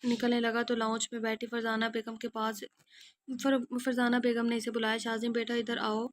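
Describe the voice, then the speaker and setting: A woman's voice: on the high side, monotone, a little hiss or hum. A woman narrating a romance audio novel, reading steadily and sometimes correcting herself. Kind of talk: scripted narration.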